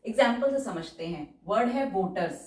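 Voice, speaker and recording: A woman's voice: mid-range voice, animated, recorded from a distance. A woman teaches shorthand in a patient, step-by-step way, saying each example word twice. Her voice sits back from the microphone. The room around her carries a noticeable echo. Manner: patient, repeats example words slowly. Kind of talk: step-by-step tutorial explanation. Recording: roomy echo, voice from off-mic.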